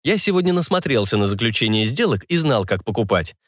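A man narrating a fantasy audiobook in the first person, with an animated, wry way of telling it. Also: mid-range voice, fast talker, dry recording, studio quality.

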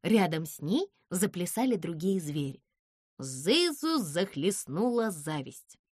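A woman narrating a children's storybook with an expressive, animated reading. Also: on the low side, takes it slowly, husky, no room sound, clean studio sound.

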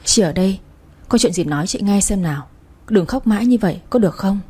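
A woman voicing a caring older woman friend in a storybook reading, speaking in a gentle, soothing way. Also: medium pitch, expressive, fast talker, husky.

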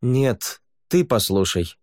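Мужчина-чтец озвучивает суровую, закалённую воительницу-полукровку, говорящую резко и отрывисто. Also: male voice, mid-range voice, very animated, takes it slowly, a little mellow, no room sound, studio quality, voice pushed up. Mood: harsh. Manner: blunt and curt. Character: stern, hardened half-blood woman warrior.

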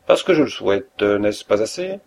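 A man voicing a feverish, imperious dying detective who speaks hoarsely in a curt, commanding tone. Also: on the low side, very animated, moderate pace, darkish tone, slight background noise. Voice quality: hoarse, gasping.

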